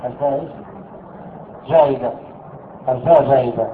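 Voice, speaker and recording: A man teaching an Arabic grammar lesson. He asks his students questions, answers them himself and repeats key words slowly. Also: mid-range voice, steady tone, noisy background. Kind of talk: classroom lesson explaining a text. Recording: echoey room over a thin phone-like line.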